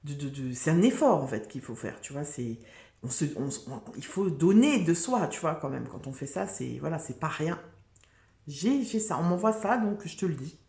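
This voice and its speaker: A woman's voice: low-pitched, big pitch swings, normal speed, warm tone, reverberant. A woman giving a casual, chatty tarot reading, full of fillers, restarts and "tu vois". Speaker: tarot reader.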